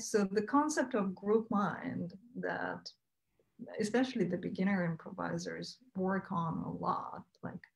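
Slow, measured woman hosting a panel. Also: medium pitch, creaky, poor audio. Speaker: panel host. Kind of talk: video call panel discussion. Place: home room with shelves and plants. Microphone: video call.

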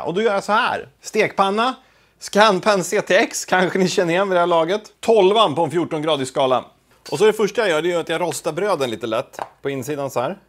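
A man hosting a casual home cooking video, talking to the camera while he cooks, with offhand, self-deprecating asides. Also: sits high. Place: home kitchen.

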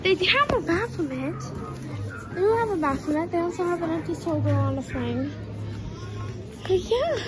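A woman vlogging a casual walkthrough of a large busy store, rambling and excitable, recorded on a handheld phone. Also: extremely high pitch, moderate pace, pauses often, low-quality recording. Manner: excitable, rambling, easily amazed. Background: loud music and crowd.

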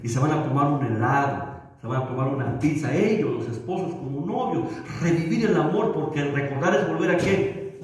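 A man's voice: on the high side, brisk, darkish tone. A man, a pastor, preaching a sermon with humor and acting out little dialogues. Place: church hall. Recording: echoey hall from far off.

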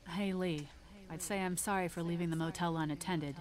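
Woman acting a low-voiced, weary woman survivor. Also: steady tone, brisk, a little mellow, slight background noise, natural voice. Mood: subdued unease. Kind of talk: video game voice acting.

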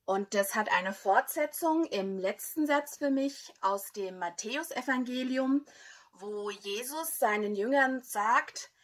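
A woman calmly sharing her favorite Bible verse with children. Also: on the high side, takes it slowly. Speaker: parishioner. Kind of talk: personal testimony.

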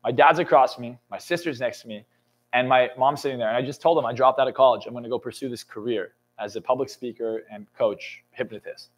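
In an indoor studio lounge set, a twenty-something man who works as a motivational speaker and coach gives a podcast interview in a mid-range voice at a quick pace. His delivery is intense and emphatic, full of frequent swearing, and it climbs to excited peaks.

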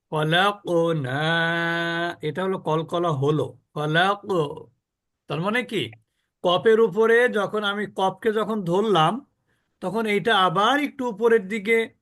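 A man teaching a class on recitation rules. He explains patiently with everyday examples, often checks that his students follow, and repeats words slowly to demonstrate pronunciation. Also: sits high, fairly bright tone.

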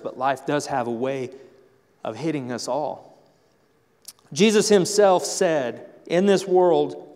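A man's voice: a little high, darkish tone, long reverb tail. A man preaching a sermon as pastor, telling stories animatedly and acting out everyday family scenes. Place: church sanctuary.

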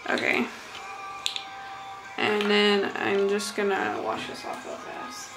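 A young adult woman's medium-pitched voice swings widely in pitch as she slowly rambles through showing makeup effects. Muttering casually, this vlogger works in a small bathroom with music playing, filmed by a camera a little way off in a low-quality recording.

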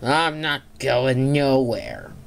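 Someone doing a slow, menacing monster guinea pig villain. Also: mid-range voice, vocal fry, pitched below the performer's own voice. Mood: gloating menace. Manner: slow, theatrical villain menace with evil laugh. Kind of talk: amateur cartoon parody voice acting. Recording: noisy homemade recording.

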